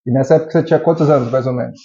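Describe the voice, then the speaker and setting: A man's voice: mid-range voice, racing, dark tone. Enthusiastic São man hosting, echoey. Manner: enthusiastic, uses many fillers like "né" and "aí". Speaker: host. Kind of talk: casual interview. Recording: echoey room, dull lo-fi sound.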